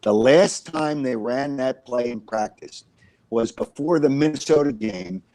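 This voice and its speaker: Man, sports talk co-host, rambling, repeats points, mid pitch, dry recording. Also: unhurried, warm tone, no room sound, rough recording. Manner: rambling, repeats himself, many uhs. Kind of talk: casual sports analysis chat.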